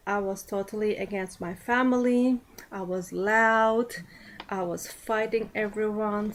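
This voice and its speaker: In a class setting, a woman delivers a prepared personal speech to an audience, speaking deliberately with frequent pauses and fillers. Her voice is medium-pitched, and the recording is rough.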